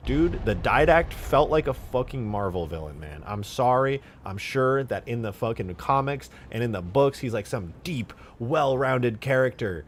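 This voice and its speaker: A young man streaming from home, ranting in casual chat, swinging from mutters to loud outbursts and cursing a lot. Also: medium pitch, lively intonation, moderate pace, hardly any pauses, slight background noise.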